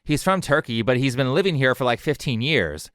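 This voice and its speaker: Crisp, dry-voiced scornful male narrator. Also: medium pitch, expressive, fairly quick, a bit bright, no echo. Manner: sarcastic, scornful delivery. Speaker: commentary host. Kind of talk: scripted commentary narration.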